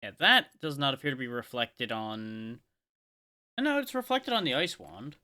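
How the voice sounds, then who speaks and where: A man streams live gameplay, talking through his choices with playful, excitable, mock-boastful trash talk. His voice is medium-pitched and his pace unhurried.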